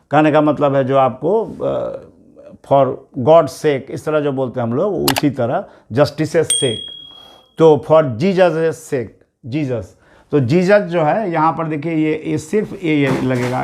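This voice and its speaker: A male English grammar teacher with an Indian accent explains each rule step by step. His voice sits a little high for a man. He reads out example phrases slowly and carefully. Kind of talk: classroom-style grammar lesson.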